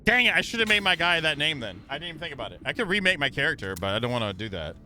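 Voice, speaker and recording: A man's voice: on the high side, very fast. A man streaming a video game, chatting playfully and joking with his viewers. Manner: playful, jokey, animated. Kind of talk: casual gaming commentary.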